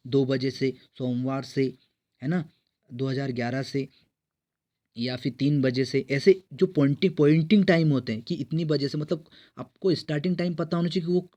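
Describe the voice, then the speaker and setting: A man with a medium-pitched, slightly mellow voice teaches an exam-prep grammar lesson. He explains things step by step, poses questions and answers them himself, and reads English quiz sentences slowly and clearly.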